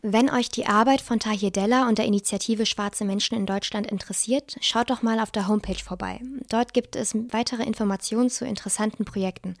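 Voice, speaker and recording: A woman's voice: mid-range voice, steady tone, brisk, few pauses, no room sound, clean studio sound. A woman co-hosting a podcast, reading a scripted narration and speaking directly to the listeners. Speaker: podcast co-host.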